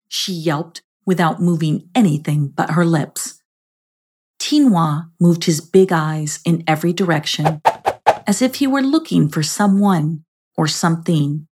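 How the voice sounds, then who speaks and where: A woman narrating a children's storybook in a slow, gentle reading voice. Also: low voice, husky.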